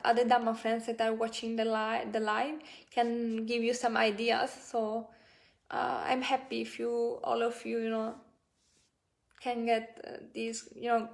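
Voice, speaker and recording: This woman in her twenties has a voice on the high side with vocal fry, and she hosts a live Buddhist Dhamma talk stream. She reads viewer comments aloud and responds hesitantly but warmly, full of fillers and restarts, thanking viewers often.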